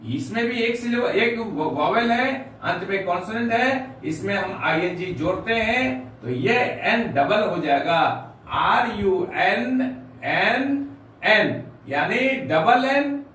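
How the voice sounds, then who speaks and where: High-voiced guy teaching, spells stuff out slow, far from the mic, big echo. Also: expressive, a bit bright. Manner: slow, spells words letter by letter. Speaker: English teacher. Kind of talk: grammar lesson explaining rules. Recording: echoey room from far off with faint noise.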